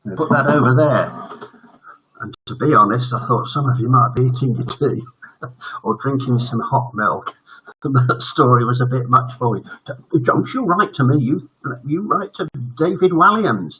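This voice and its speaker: On a bedtime story livestream with dull, lo-fi sound, a British man in his seventies reads stories and chats casually. His voice is husky and mid-range, delivered at a moderate pace.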